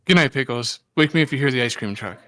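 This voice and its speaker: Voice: mid-range voice, lively intonation, quick pace, fairly bright tone, no echo, studio quality, close to an everyday voice. A player voicing a nervous, jittery young boy.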